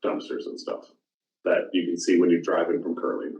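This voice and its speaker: In a deep, darkish voice with a completely flat delivery, a man runs a public commission meeting. He's informal and halting, often correcting himself mid-sentence, captured in dull, distant, roomy council room sound.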